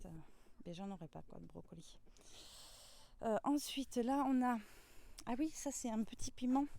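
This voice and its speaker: Woman, mellow voice, casual garden vlog, chatty with fillers, phone mic outdoors. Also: mid-range voice. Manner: chatty, many fillers and tag questions. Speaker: gardening vlogger.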